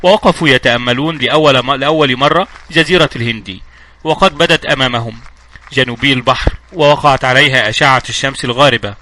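A man narrating a novel aloud as an audiobook, in a brisk storytelling manner with small slips and restarts. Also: medium pitch, pushed and bright.

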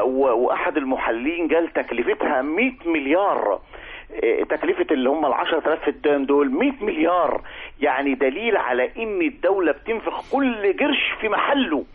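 A sheikh with an Egyptian accent calling in to a radio show over the phone, talking effusively and full of blessings and courtesies. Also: male voice, fairly high pitch, husky. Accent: Egyptian Arabic. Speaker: call-in caller, a sheikh. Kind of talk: call-in radio chat. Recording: tinny phone line on radio.

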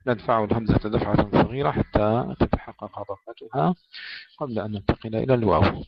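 A man teaches Quranic recitation in a slow, careful way, drawing out each recited word to show how it should sound. His voice has a gravelly edge. The recording is dull and lo-fi. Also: fairly low pitch, background noise. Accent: Arabic. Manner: slow deliberate demonstration of pronunciation, drawn-out recited words. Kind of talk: tajweed lesson with recited verses.

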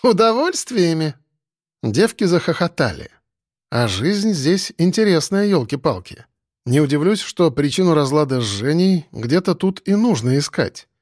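A man narrating a first-person audiobook in a wry, lively way. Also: a little high, moderate pace, no echo, clean studio sound.

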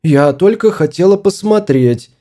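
A man voicing a quarrelsome young wife on a spaceship in an audiobook, with a sharp, scolding manner. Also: on the high side, animated, unhurried, voice pushed up. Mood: annoyed.

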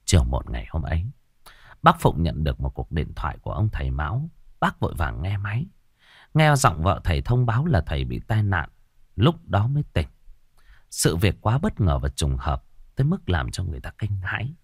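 A man narrating a ghost story in an expressive storytelling manner. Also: sits low, a little fast, breathy edge, dry recording, clean studio sound.

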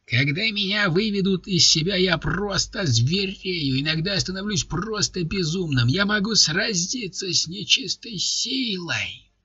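A man voicing a burly red-haired brute whose boastful voice climbs into a shrill squeal. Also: lively intonation, a little slow, bright, forceful tone, husky, no echo, muffled recording, heavily acted. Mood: squealing bravado.

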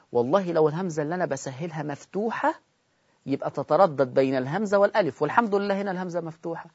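A man with an Egyptian accent teaching Quran recitation in a broadcast lesson, asking his listeners questions and answering them himself, and drawing out words slowly to demonstrate them. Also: on the high side, slightly rough, no echo. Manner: demonstrates recitation in slow drawn-out sounds. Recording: dull lo-fi broadcast audio.

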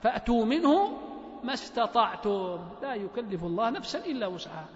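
Speaking in a Libyan Arabic accent, this man preaches a religious lecture in a mosque, his voice sitting high, expressive and fairly quick. He repeats phrases, talks rhetorically, and nudges the audience with brief questions. It's captured in an echoey hall on a slightly dull, lo-fi recording.

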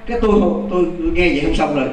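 An older Buddhist monk, telling a story in a dharma talk with animated leaps on exclamations. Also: male voice, fairly high pitch, rapid-fire. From Vietnam. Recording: echoey hall from far off.

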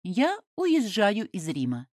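A woman's voice: mid-range voice, huge pitch swings, takes it slowly, darkish tone, no room sound, clean studio sound, pitched above the performer's own voice, heavily acted. A woman reading an audiobook and voicing a cold, stubborn Roman noblewoman who talks in curt, scornful commands. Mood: aloof.

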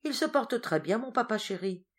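A woman voicing a confident, teasing young woman of twenty-three in an audiobook, speaking in a brisk, self-assured way. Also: on the high side, animated, breathy edge, voice pushed up.

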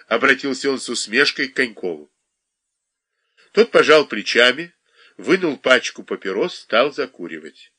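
A man narrating an audiobook in an expressive, even reading voice. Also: mid-range voice, moderate pace, husky. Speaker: audiobook reader. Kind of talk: scripted narration.

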